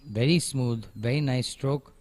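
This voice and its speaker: A man's voice: medium pitch, a little slow, a little mellow. A man giving conversational live golf commentary, analysing each shot and offering encouraging remarks.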